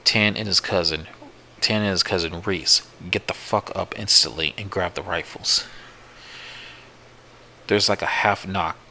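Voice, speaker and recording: A man slowly tells a true-sounding horror story in the first person, swearing often and circling back over his own words. His voice sits very low, yet its tone is sharp and bright. A faint hiss runs under the recording. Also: rough recording. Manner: profane, slow, repetitive retelling.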